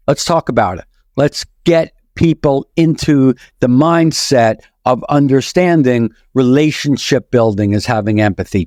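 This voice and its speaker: A guest on a casual podcast conversation, this real estate broker and author speaks with a New York accent in a darkish, mid-range voice. He talks emphatically, laying out his points one after another, on a dry, studio-quality recording.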